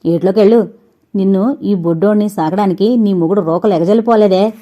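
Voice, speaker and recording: A woman doing a gruff, scornful old village man. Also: medium pitch, normal speed, dark tone, lo-fi sound, close to an everyday voice. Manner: harsh rustic dialect, mocking.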